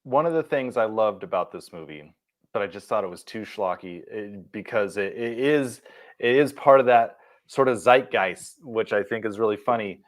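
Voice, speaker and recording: A man co-hosting a casual movie podcast, laughing often and joking about himself. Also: normal speed. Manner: laughing, self-mocking, jumps in pitch for quoted voices. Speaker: podcast co-host.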